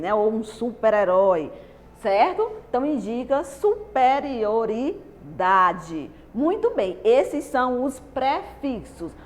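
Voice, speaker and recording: A Brazilian woman teacher giving a slow, patient lesson to young children, asking the class questions and answering them herself. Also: a little high. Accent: Brazilian Portuguese. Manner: slow, patient, stretched-out explaining. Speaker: primary school teacher.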